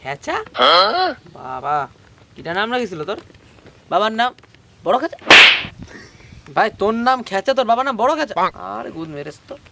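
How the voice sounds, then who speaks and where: A man's voice: high voice, sing-song, normal speed, vocal fry, pauses often, heavily acted. A man playing a crude, snappish village cyber-café operator who swears and barks orders in a comic sketch. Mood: gruff. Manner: coarse, swearing, barking orders. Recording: loud background noise.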